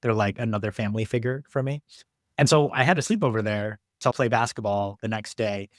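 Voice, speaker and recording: An American man hosting a podcast, talking in a relaxed, reflective and chatty way with lots of "like"s. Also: lowish voice, fairly quick, no echo, clean studio sound. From United States. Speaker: podcast host. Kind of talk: casual podcast conversation.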